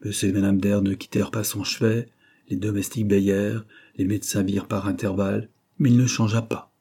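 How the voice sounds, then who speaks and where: A man narrating a novel in a steady, measured audiobook reading. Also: fairly low pitch, breathy edge. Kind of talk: scripted narration.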